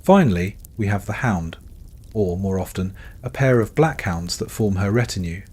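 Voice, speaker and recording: Low-pitched man narrating solemnly. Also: expressive, normal speed, a little mellow, breathy edge. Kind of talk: scripted bedtime mythology narration.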